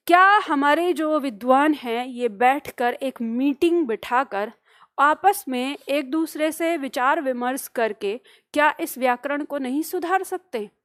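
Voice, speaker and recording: A woman's voice: high-pitched, no room sound, studio quality. A woman teaching Hindi grammar in an earnest, argumentative lecture full of rhetorical questions. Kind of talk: classroom lecture at a whiteboard.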